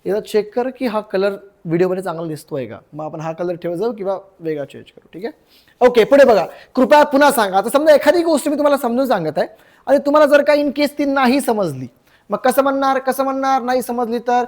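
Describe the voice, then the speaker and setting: A man's voice: extremely high pitch, darkish tone. Chatty man teaching English phrases in Marathi. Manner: chatty, repeats each phrase, drawn-out English words.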